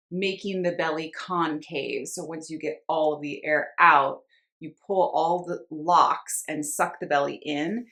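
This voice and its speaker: A woman instructor informally explaining a breathing and cleansing practice in a measured way, with pauses. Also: low-pitched, a bit bright. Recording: roomy, echoing sound.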